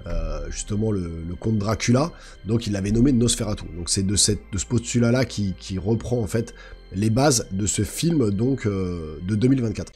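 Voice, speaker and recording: A man with a hoarse, guttural, slightly sick-sounding voice, giving a casual, enthusiastic film review as a channel host. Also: on the low side, moderate pace, mellow, faint music behind.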